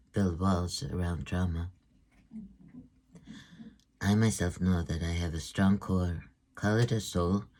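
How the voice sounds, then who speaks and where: A middle-aged man from Sweden, an author reading out a book presentation in a measured, even way. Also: low-pitched. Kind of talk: read-aloud book presentation.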